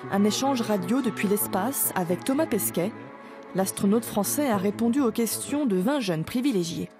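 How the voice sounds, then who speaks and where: A woman's voice: mid-range voice, animated, moderate pace, over music. A woman reporter reading a scripted television news report.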